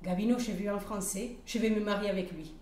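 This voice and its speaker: A woman telling a personal story aloud at a live event, lively and often pausing with hesitations. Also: mid-range voice. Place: community hall. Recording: roomy hall, distant mic, faint noise.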